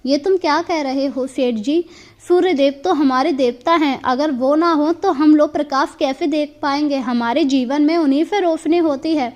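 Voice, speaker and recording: An earnest, devout young villager speaks in a high, sincere storybook voice, as a woman reads him. He pleads plainly and without guile. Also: normal speed, a little mellow, natural voice. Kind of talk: storybook character voice.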